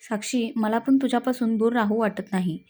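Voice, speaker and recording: A woman's voice: on the high side, fairly quick, mellow, close to an everyday voice. A woman reading an angry young husband. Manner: curt, irritated scolding. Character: angry young husband, brooding and short-tempered.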